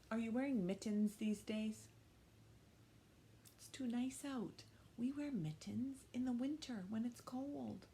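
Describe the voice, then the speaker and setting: A woman with a fairly high, gravelly voice and a dark tone hosts storytime for young children, with a little hiss or hum on the recording. She chats with them using simple questions and short phrases, then reads a picture book aloud expressively.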